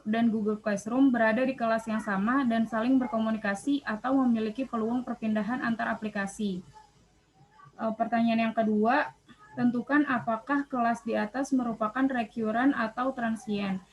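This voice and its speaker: A woman's voice: on the high side, fairly even intonation, moderate pace, highs cut off. A young woman, a student presenter, reading worked probability examples aloud, hesitant with fillers and self-corrections.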